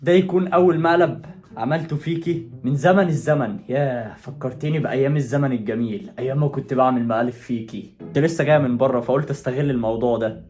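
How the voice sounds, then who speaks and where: A man's voice: medium pitch, fast, faint music behind. A young man with an Egyptian Arabic accent hosting a casual prank vlog at home, teasing his sister with mock anger. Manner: teasing, animated, swings from mock anger to laughter.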